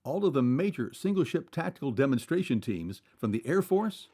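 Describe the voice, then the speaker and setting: A man's voice: medium pitch, big pitch swings, normal speed, warm tone. A man reading scripted documentary narration in a polished, explanatory way.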